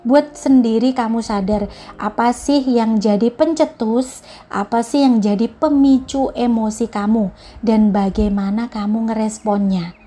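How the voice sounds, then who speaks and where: A woman giving a casual motivational talk, speaking gently and directly to the listener and mixing English phrases into her speech. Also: a little high, fairly even intonation, measured pace. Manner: mixes English phrases into Indonesian. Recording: soft background music.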